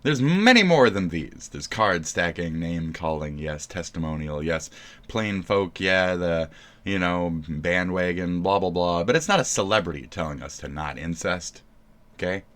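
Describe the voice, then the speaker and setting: A man streaming live, ranting in profane, mocking commentary that keeps jumping into loud shouts. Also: low voice, lively intonation, a little slow.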